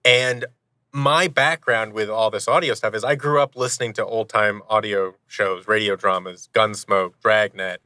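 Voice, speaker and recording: A man in his thirties, an audio drama producer and actor, guests on a podcast and tells stories casually and animatedly, poking fun at himself. His voice sits on the low side, steady and sharp, at a normal speed, in a dry recording.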